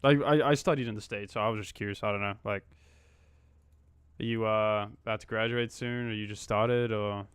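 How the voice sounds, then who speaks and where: A man's voice: fairly low pitch, fairly even intonation, moderate pace, clean tone, no room sound. A man in his twenties from Australia, chatting casually and muttering to himself on a live stream while he codes. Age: 20s.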